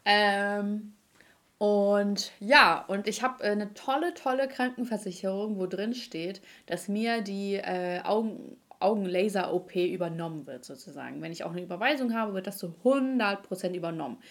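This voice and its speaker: Woman host, casual podcast storyteller, slangy and animated, laughs often, mid-pitched. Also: moderate pace.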